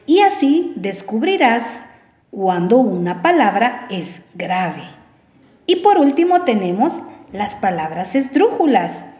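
A woman teacher speaks slowly to her students at home, her voice a touch high and swinging widely up and down. She stretches out each example word in a sing-song way and keeps an encouraging tone. The sound carries a noticeable echo from the room. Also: very animated, darkish tone, highs cut off. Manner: drawn-out, sing-song emphasis on example words; patient, encouraging, addresses the listener directly. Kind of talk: slow, deliberate televised grammar lesson.

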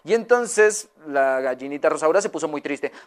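A woman's voice: low voice, expressive, normal speed. A woman telling a children's story aloud, often asking her young listeners questions.

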